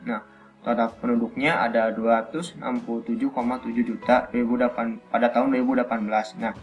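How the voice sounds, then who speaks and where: A young man, a university student, reading figures for a class presentation, hesitant and pausing often with fillers. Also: mid-range voice, a little mellow. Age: young adult.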